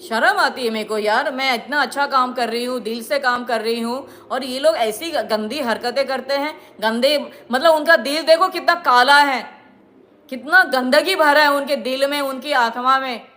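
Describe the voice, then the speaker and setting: A middle-aged woman with a high voice scolds her viewers in a long monologue. She sounds indignant and preachy and circles back to the same points again and again. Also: normal speed, pushed and bright, slight background noise. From India. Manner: indignant, lecturing, repeats herself. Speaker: vlogger.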